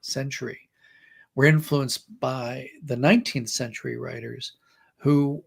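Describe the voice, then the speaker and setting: In a podcast conversation on literature, a middle-aged or older male writer tells stories and acts out quotes to make his points. He speaks a little slowly in a mid-range, gravelly voice with a breathy edge and fairly even intonation.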